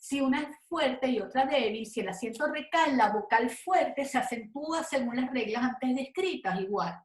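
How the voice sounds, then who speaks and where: A woman teaching a spoken grammar lesson, going slowly and carefully and stretching example words out syllable by syllable. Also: high voice, lively intonation. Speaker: Spanish teacher. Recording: echoey room.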